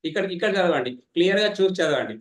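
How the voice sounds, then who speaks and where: A man, teaching public speaking in an online class, fast and animated, teasing participants. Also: fairly high pitch, reverberant. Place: online meeting.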